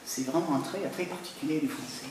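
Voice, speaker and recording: A man giving an academic talk on language history, hesitant with frequent pauses and fillers. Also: a little high, darkish tone, very echoey, distant mic, a little hiss or hum, rough recording. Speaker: lecturer.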